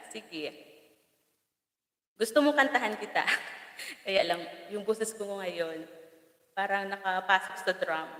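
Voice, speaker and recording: A woman's voice: mid-range voice, fairly bright tone. Bicolano woman live-streaming on her phone, chatty and teasing, laughing a lot; long-tailed echo around her. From Bicol region, Philippines. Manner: chatty and teasing, laughs often, stumbles over names. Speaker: farm vlogger hosting a live stream. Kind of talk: casual live-stream chat reading viewer comments. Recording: echoey room with long reverb.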